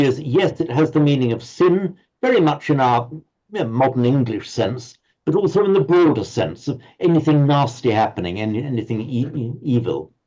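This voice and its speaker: A man with a dark, medium-pitched voice teaches a Pali class online, explaining things patiently while often stumbling over repeated words. The audio comes through slightly muffled.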